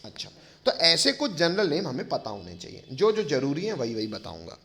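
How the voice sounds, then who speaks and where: Man, teacher, chemistry lecture, slightly high voice, step-by-step explaining, checks on students. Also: huge pitch swings, normal speed, a bit bright. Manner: addresses pupils affectionately as kids.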